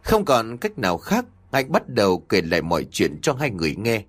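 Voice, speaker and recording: A man narrating an audio story in a dramatic, expressive way. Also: on the low side, normal speed, slightly rough.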